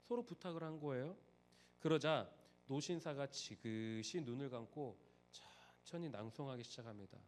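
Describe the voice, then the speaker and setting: A man preaching a sermon as a pastor, switching between loud emphasis and hushed asides. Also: mid-range voice, expressive, moderate pace, a little hiss or hum.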